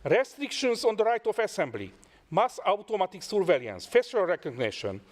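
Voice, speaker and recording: A man's voice: sits high, big pitch swings, moderate pace. A man speaking as a parliamentarian, reading a prepared statement to an assembly. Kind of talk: formal assembly speech.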